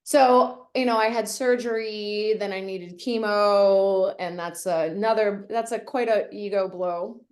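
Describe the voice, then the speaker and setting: A woman's voice: mid-range voice, fairly even intonation, a little slow, hardly any pauses. A middle-aged woman from Canada, telling her story as a guest in a casual interview, full of "like" and "you know". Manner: chatty, lots of "like" and "you know".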